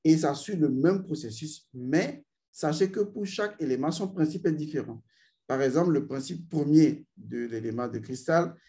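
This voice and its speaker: A man with a slightly high but mellow, warm voice gives ritual instruction. He speaks slowly and deliberately, often stopping to intone long vowel sounds and asking his students if they follow. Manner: addresses learners directly, repeats "vous voyez". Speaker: spiritual teacher.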